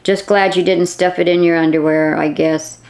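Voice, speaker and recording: A gabby, folksy female cashier who keeps talking, as a woman narrator voices her. Her voice sits low and a little gravelly, in a plain storybook reading. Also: fairly even intonation, normal speed, a little mellow, natural voice. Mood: chatty. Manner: talkative, folksy. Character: chatty, gossipy female store cashier.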